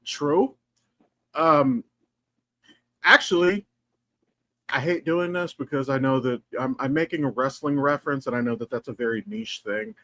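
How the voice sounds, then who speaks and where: A man co-hosting a casual podcast, talking in an animated, profane way that jumps up in pitch when he gets excited. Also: a little slow, pauses often, dry recording. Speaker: podcast co-host.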